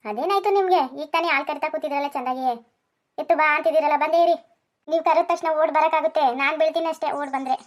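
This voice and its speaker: A woman voicing a sharp-tongued village wife in a cartoon who scolds her husband. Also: high-pitched, steady tone, rapid-fire, close to an everyday voice. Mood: exasperated. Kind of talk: Kannada cartoon voice acting.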